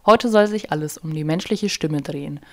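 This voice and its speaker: A woman's voice: low voice, moderate pace, darkish tone. A young woman hosting her own podcast in a casual, chatty monologue, joking about herself and often leaving sentences unfinished. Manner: chatty, self-deprecating, loses track of sentences. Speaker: podcast host. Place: sitting on her bedroom floor.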